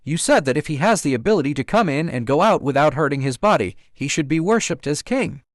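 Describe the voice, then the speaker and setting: A man's voice: on the high side, lively intonation, quick pace, no echo, studio quality, close to an everyday voice. A man voicing a bold, joyful young male stone monkey who leads the others proudly, in a storybook reading. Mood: commanding. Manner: exclaims in repeated short cries.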